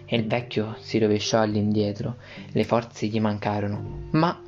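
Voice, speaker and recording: A man reading a classic novel aloud as scripted audiobook narration, steady and even. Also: fairly low pitch, moderate pace, muffled recording, faint music behind.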